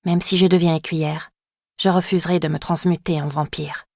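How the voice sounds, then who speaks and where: Low-voiced woman reading a dark novel. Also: steady tone, moderate pace, no room sound, studio quality. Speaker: audiobook narrator. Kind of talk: first-person scripted narration.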